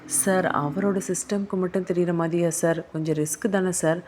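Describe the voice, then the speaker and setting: A woman's voice: on the low side, steady tone, normal speed, a little mellow, natural voice. A woman voicing a polite, hesitant young male police constable. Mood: deferential.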